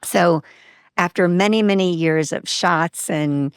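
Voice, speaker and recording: A woman's voice: on the low side, slow, clear, resonant tone, no echo, studio quality. A woman guest on a podcast telling a personal story in a casual, open way, acting out what people said. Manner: open, animated, acts out quoted dialogue.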